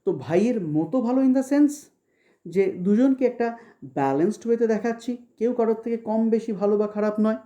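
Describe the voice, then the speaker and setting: A woman teaching English grammar in an online exam-prep lecture. She explains patiently, often asks whether things are clear, and slows right down to read out English examples. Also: fairly high pitch, animated, warm tone. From West Bengal, India. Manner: patient, checks understanding with frequent questions.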